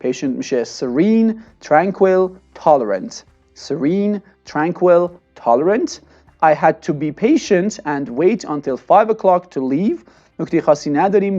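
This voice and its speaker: A man teaches English vocabulary, moving between quick explanation and slow, careful reading of example sentences. His voice sits fairly high but sounds mellow and dark. The recording is dull and lo-fi, with faint music behind him. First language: Persian. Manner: explains in Persian, reads English examples slowly and deliberately. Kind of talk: vocabulary lesson.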